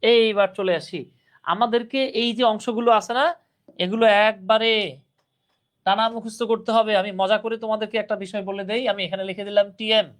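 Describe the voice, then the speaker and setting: Man slowly explaining words to children. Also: high-pitched, fairly even intonation, fairly bright tone. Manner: slow, word-by-word explaining with repeated questions. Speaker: English teacher. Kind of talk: live online grammar lesson.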